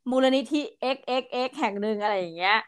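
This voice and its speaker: A young woman co-hosting a casual podcast, lively, chatty and politely friendly. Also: medium pitch, very fast, clear, resonant tone. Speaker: podcast co-host.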